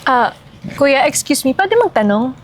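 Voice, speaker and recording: A woman playing a furious wife who loudly accuses another of stealing her husband, in a short film. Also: high voice, very animated, measured pace, a little hiss or hum. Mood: polite, asking. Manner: loud, accusing, theatrical shouting. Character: furious wife confronting a suspected mistress.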